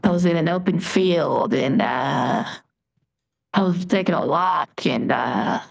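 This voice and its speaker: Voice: mid-range voice, slow, gravelly, husky. A crew member speaking through a voice changer as a sullen demon from hell, terse and dismissive. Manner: terse, dismissive, swears casually.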